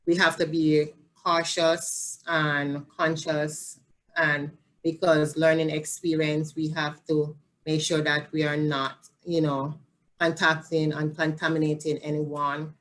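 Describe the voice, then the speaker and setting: A woman with a Jamaican accent, a family support specialist answering interview questions in an earnest, halting way, often rephrasing herself. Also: low-pitched, flat delivery.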